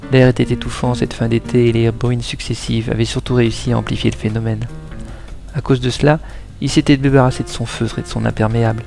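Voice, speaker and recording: A man narrating a noir detective audiobook in a steady, measured way. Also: mid-range voice, vocal fry. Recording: reading with music behind. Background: background music.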